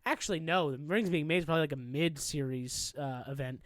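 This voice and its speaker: A man's voice: a little high, fairly quick, a bit bright, no room sound, studio quality. A man hosting a casual podcast chat, joking loosely and swearing often. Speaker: podcast host.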